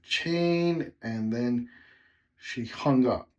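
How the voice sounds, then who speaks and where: A man's voice: mid-range voice, extremely slow, darkish tone. A man telling his own story in a casual vlog, rambling and breaking off to speak to his viewers. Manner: rambling, with side remarks to viewers. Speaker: vlogger telling a personal story.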